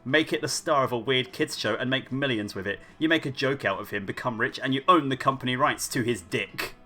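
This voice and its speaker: A man's voice: medium pitch, brisk, bright, forceful tone. A man reading game narration aloud to friends on a livestream, teasing and laughing often. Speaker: streamer reading the game text.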